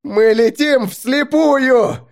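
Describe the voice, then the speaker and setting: A man voicing a panicky male truck driver whose nerves are fraying, shouting in fear. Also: on the high side, moderate pace, voice pushed up, lightly acted. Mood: yelling.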